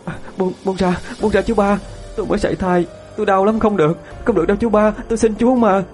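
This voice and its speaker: A man voicing a weak young wife who begs and cries in high, strained tones. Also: fairly even intonation, fast talker, a little mellow, soft background music, natural voice. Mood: terrified.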